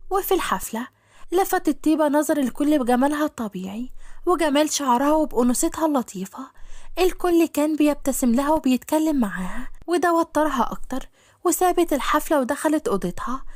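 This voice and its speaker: A woman with an Egyptian accent narrating an audio story in a lively storytelling manner. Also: sits high, fast talker, no echo, clean studio sound.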